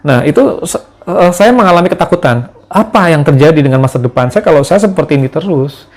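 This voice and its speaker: A man, a guest in an interview, telling his life story in relaxed conversation with some hesitations. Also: a little high, a little fast.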